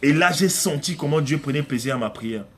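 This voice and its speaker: A man preaching in an informal, streamed style, his voice sitting a touch high for a man. He repeats phrases for emphasis and slips into acted-out prayers and exchanges, talking as if to one listener. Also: brisk, a bit bright, a little hiss or hum. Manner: emphatic, repetitive, acts out prayers and dialogues. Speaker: pastor. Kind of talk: conversational live-streamed sermon.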